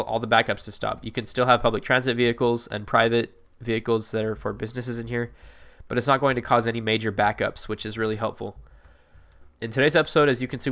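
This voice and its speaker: Slightly stuffed up from allergies, a gameplay video creator rambles casually over a city-building game, often using fillers and correcting himself. His mid-range voice is gravelly and a bit bright.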